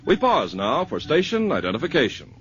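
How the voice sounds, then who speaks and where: A man's voice: wildly swooping pitch, a little fast, fairly bright tone, slight background noise. A man delivering a persuasive 1950s radio commercial as the announcer. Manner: smooth, persuasive pitch.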